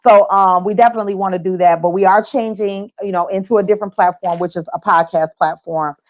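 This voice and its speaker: An upbeat woman hosts a podcast in loose casual chat, full of slangy hype. Her voice sits at a middle pitch, and the audio is dull and lo-fi, like an online call. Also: steady tone, fast. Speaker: podcast host. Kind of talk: casual show wrap-up chat.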